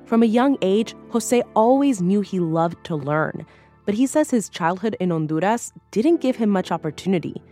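A woman co-hosting a podcast, reading scripted narration in an expressive way. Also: mid-range voice, normal speed, soft background music. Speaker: podcast co-host.

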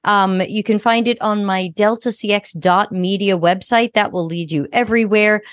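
A woman's voice: mid-range voice, fairly even intonation, normal speed, no echo, clean studio sound. A woman speaking as a guest expert in a podcast interview, frank and a little sarcastic.

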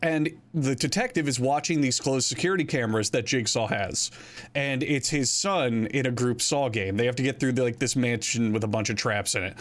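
A man chatting casually about films, telling stories in an animated, sweary way. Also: mid-range voice, a little fast.

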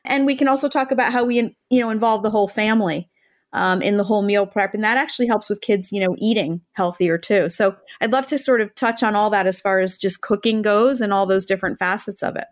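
A woman's voice: mid-range voice, fairly quick. A woman hosting a podcast, upbeat and enthusiastic as she introduces guests and topics. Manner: upbeat, enthusiastic promotional delivery. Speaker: podcast host, interior designer.

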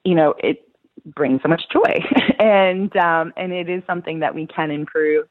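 A woman's voice: fairly low pitch, moderate pace, no echo. A woman therapist explaining pelvic floor care in an interview, her voice coming through a tinny phone line, reassuring and practical with frequent fillers.

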